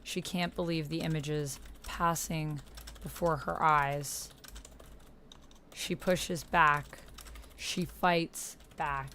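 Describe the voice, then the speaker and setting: While livestreaming a text-based roleplaying game, a woman reads the narration aloud and chats casually, reacting with excitable slang. She has a deep voice and draws out her words, with slight background noise present.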